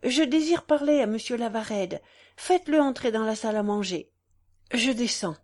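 A woman's voice: medium pitch, unhurried, darkish tone, natural voice. A woman reading the part of an anxious young married noblewoman who speaks curtly, with tense hesitation.

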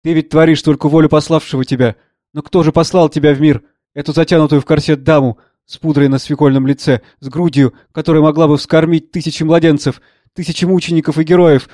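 A man's voice: fairly high pitch, fairly even intonation, brisk, mellow, dry recording, clean studio sound, natural voice. A man voicing an anguished, proud aging professor who speaks in lofty, declamatory outbursts.

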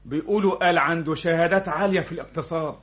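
A man playing a fawning, scheming deputy manager with an Egyptian accent, flattering and insinuating, in an old radio comedy-drama. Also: fairly high pitch, very fast, close to an everyday voice. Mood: sly, insinuating.

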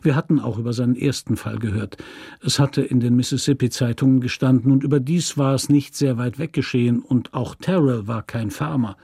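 Man, scripted radio narration, even pace, dark, dry close-mic sound. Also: mid-range voice, a little fast, vocal fry, breathy edge, no echo.

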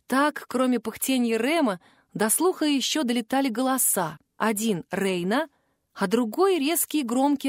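A woman narrating a fantasy audiobook in the first person, in a lively, expressive way. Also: a little high, no room sound, studio quality.

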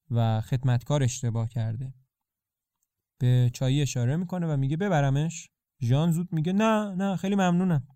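A man narrating the story of a play in a calm, conversational retelling. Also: medium pitch, no room sound, clean studio sound.

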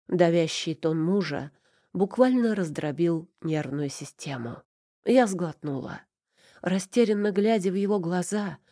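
A woman narrating a first-person romance novel in an emotive, measured reading. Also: fairly low pitch, warm tone, no echo, studio quality. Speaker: audiobook narrator.

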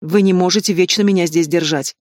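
A man putting on a young noblewoman in an audiobook, high and passionate, pleading and flaring up in defiance. The voice sits fairly high, close and dry. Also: steady tone, fairly quick, dry recording, close to an everyday voice. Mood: defiant. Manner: pleading, emotional outbursts.

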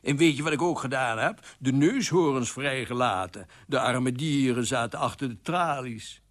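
A man voicing a tearful, soft-hearted young king who talks slowly and mournfully. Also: medium pitch, close to an everyday voice.

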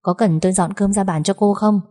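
A woman's voice: medium pitch, fairly even intonation, a little fast, warm tone, natural voice. A woman voicing a polite young household maid in an audiobook story.

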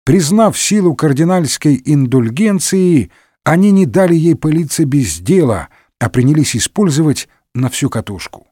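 A man reading a humorous story aloud in a lively, wry manner. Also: a little high, moderate pace, dry recording, studio quality. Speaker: narrator.

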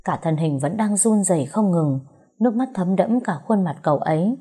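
A woman narrating a dramatic story in a steady, somber way. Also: lowish voice, moderate pace, husky.

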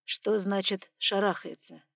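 An enraged male dragon bodyguard snaps in loud, clipped bursts through clenched teeth, as a woman reads him in an audiobook. The voice sits in a middle register, close and dry with no room around it, commanding and hard. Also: medium pitch, measured pace, breathy edge, no echo. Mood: stern. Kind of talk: audiobook character voice.

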